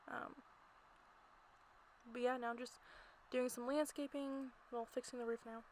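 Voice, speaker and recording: Recorded in a small home closet, this amateur creator's gameplay voiceover is chatty, rambling, and full of giggles. Her voice sits on the high side, slow and a little mellow, with fairly even intonation. The rough recording has noticeable background noise.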